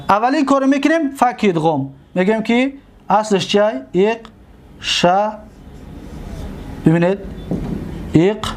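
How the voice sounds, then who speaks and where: Tajik-accented male teacher, high-pitched voice, drills his class with repeated terms and quick questions. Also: slight background noise. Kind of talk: classroom lecture.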